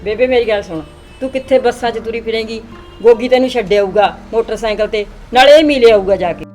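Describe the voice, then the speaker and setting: A woman's voice: a little high, a little mellow, soft background music, natural voice. A woman playing a caring married daughter with a Punjabi accent, talking with her old mother. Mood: earnest. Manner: quick, pleading. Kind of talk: village drama acting.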